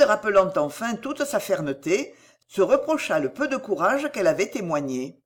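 Narrator reading an old novel, measured, pitch goes up and down a lot. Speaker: audiobook narrator. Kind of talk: scripted narration of a classic novel.

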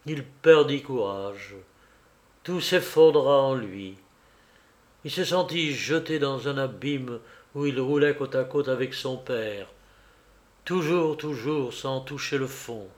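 A man reading a classic novel aloud as an audiobook narrator in a slow, dramatic, measured way. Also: medium pitch.

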